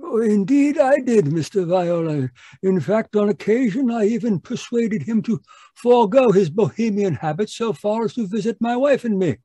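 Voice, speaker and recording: Fussy Doctor Watson, high and husky. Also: male voice, expressive, normal speed, dark tone, no room sound. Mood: genial, reminiscing. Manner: hesitant, stammering, repeating himself, avuncular. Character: fussy, genial older English doctor recounting old cases. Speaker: storytelling narrator character. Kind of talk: old-time radio drama acting. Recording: live video-call performance.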